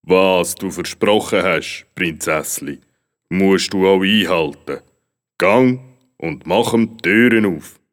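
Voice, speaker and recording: A man's voice: low voice, takes it slowly. A stern old Swiss German king. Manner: commanding, grave.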